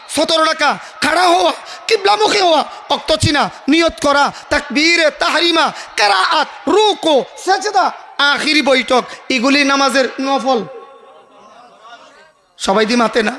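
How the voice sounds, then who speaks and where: A man preaching a sermon, loud and emphatic, often calling on the crowd to answer him. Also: extremely high pitch, a little hiss or hum.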